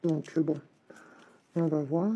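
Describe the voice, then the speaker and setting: Gravelly-voiced woman chatting casually. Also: sits low, little pitch movement, takes it slowly, warm tone, muffled recording, a little hiss or hum. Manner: chatty and informal, talks straight to viewers. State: slight head cold, sniffling. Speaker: hobby vlogger. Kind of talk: casual unboxing and demo chat.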